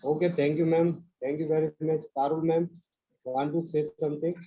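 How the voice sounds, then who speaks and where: Male moderator, Indian accent, soft dark tone, halting and repetitive, lo-fi conference audio. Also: fairly high pitch, level tone. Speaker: workshop host. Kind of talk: unscripted moderating of an online session. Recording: dull lo-fi web conference audio.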